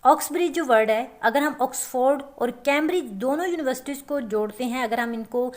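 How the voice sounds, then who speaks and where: A woman teaching a lecture to students, explaining step by step and often checking that they follow. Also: sits high. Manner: explains slowly with repeated check-ins.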